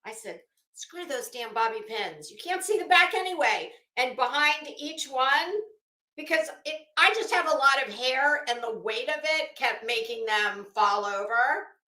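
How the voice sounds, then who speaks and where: A livestream host with a high, bright, pushed voice speaks in an animated but unhurried way. She wanders off track, cuts herself off searching for words, and tells stories with dramatic emphasis, while the room around her sounds roomy and echoey.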